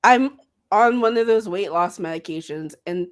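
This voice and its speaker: A woman's voice: mid-range voice, normal speed. A woman co-hosting a podcast, chatting casually with wry, offhand banter. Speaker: podcast co-host. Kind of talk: casual chat.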